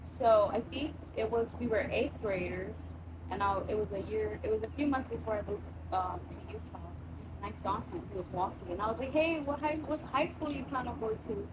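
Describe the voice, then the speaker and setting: A slightly fast, slightly high-voiced young woman from Samoa, the guest, spins her story in a loose, animated style, swearing freely and acting out others' lines. Unchanging noise sits in the background of the room.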